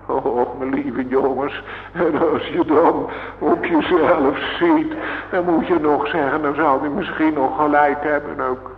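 A man preaching a sermon, drawing words out slowly, crying out high and then dropping to a hush. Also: fairly even intonation. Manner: fervent, drawn-out preaching with rising cries and hushed falls. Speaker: pastor. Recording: echoey hall, tinny lo-fi.

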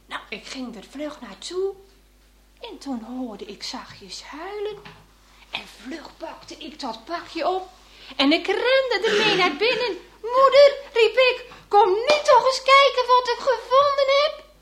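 A gentle, pious father in a children's storybook, talking softly and calmly to his daughter, as a woman reading aloud puts him on. The voice stays high and is slow and unhurried. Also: slight background noise, exaggerated voice. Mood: tender. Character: gentle pious middle-aged father, tender.

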